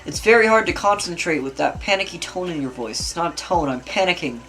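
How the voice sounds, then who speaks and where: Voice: medium pitch, lively intonation, fairly quick, sharp tone, faint music behind, poor audio. An amateur reader voicing a frightened woman florist in a casual script reading. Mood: panicky. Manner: panicky, protesting. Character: woman florist, panicky pilot.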